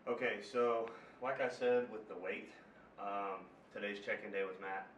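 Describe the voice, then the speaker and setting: An American bodybuilder in his thirties vlogs casually to camera indoors, moving between gym and home rooms and pausing mid-sentence. His voice is on the low side and steady, captured by a camera mic at some distance, so the sound is roomy with clear background noise and the highs cut off.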